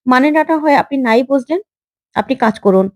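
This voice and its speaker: Defiant young working woman, firm, lecturing, high voice, read by a woman. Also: animated, brisk, no room sound, clean studio sound.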